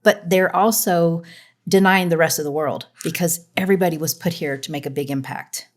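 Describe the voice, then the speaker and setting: A woman's voice: lowish voice, fairly quick. A woman guest on a podcast, talking earnestly and agreeing emphatically. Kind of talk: casual conversation.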